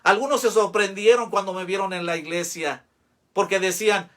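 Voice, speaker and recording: A man delivers a devotional sermon that flows into spoken prayer, his voice pitched notably high for a man. He speaks fervently, weaving repeated calls of "brothers" and "Lord" through nearly every phrase. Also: fairly even intonation, normal speed, a bit bright. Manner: fervent, constantly repeats "hermanos" and "Señor". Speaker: preacher.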